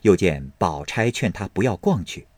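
A man narrating a classic novel as an expressive, dramatic audiobook storyteller. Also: sits low, normal speed, breathy edge, no echo, studio quality.

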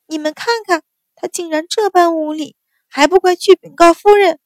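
A woman doing a shrill spoiled little girl. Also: animated, moderate pace, darkish tone, no room sound. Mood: wailing. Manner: shrill crying tantrum voice. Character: spoiled bratty young girl, loud and whiny.

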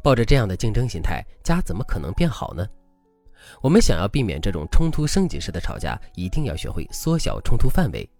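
A man's voice: fairly low pitch, huge pitch swings, quick pace, a little mellow. A man hosting a relationship advice show, narrating a couple's story and lecturing in a scripted way. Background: faint background music.

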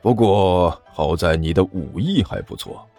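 A man voicing an older male sect master, sly and coaxing, speaking slowly and placatingly in a storytelling narration. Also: deep voice, expressive, warm tone, faint music behind, pitched below the performer's own voice. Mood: explaining. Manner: slow, drawn-out, placating. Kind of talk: storytelling narration with character voices.

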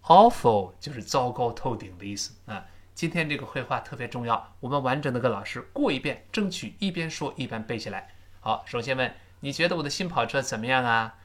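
A teacher giving a spoken English lesson, explaining in Chinese and repeating each phrase slowly for learners to copy. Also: medium pitch, animated. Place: lives abroad, teaching remotely.

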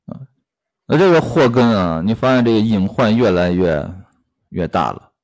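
Lively storytelling man with a low voice. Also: moderate pace. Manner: lively, frequent "啊" fillers, rhetorical questions. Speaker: storyteller and commentator. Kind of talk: storytelling with workplace commentary.

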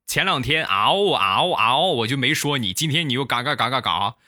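A man voicing his sharp-tongued young wife, nagging and scolding. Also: mid-range voice, expressive, moderate pace. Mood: annoyed.

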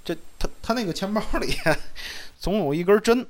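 Lively storytelling man, slightly high voice. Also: normal speed. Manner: animated, laughing, swings loud and soft, coarse slang. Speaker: storyteller host. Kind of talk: casual storytelling chat.

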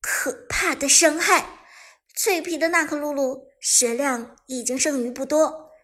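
A woman reading a web novel aloud as narrator, in lively storytelling that breaks into fast, shouted game commentary. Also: high voice. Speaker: audiobook narrator.

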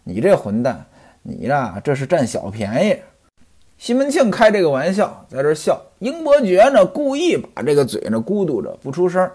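A man's voice: a little high, huge pitch swings, moderate pace, darkish tone, slightly rough. A man telling and explaining a classic story, chatting directly to his listeners. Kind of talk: storytelling commentary on a classic novel.

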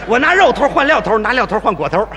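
Male crosstalk lead, high-pitched, boastful and sly; live hall recording with faint room noise. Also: very animated. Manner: boastful, sly, quick patter. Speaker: crosstalk comic, lead teller.

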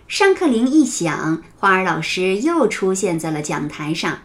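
A woman narrating a children's story in a gentle, expressive storytelling manner. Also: mid-range voice, a little slow.

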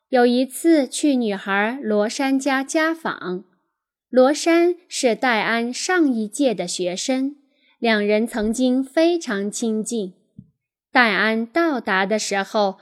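A woman reads a parenting book aloud in a calm, measured audiobook style. Her voice sits a little high, and she takes her time, moving at a slow, even pace through each sentence.

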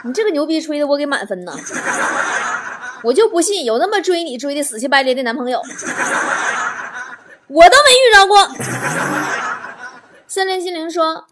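A woman talk show host, reading jokes and mocking them with a lively, teasing delivery. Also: sits high, fast. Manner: lively, mocking, breaks into laughter. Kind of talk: stand-up joke reading.

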